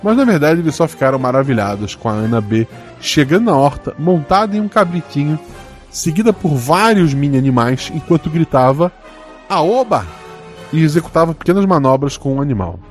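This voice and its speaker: Man, Brazilian accent, podcast game master, lively swinging pitch, storytelling narration, faint music behind. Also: fairly quick.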